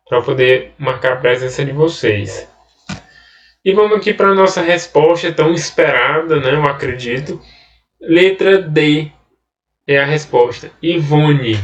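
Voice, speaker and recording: A man's voice: fairly high pitch, roomy sound, distant mic, dull audio. A Brazilian male Portuguese teacher giving a recorded online grammar lesson, explaining patiently and often checking in with "né?" and "tá?".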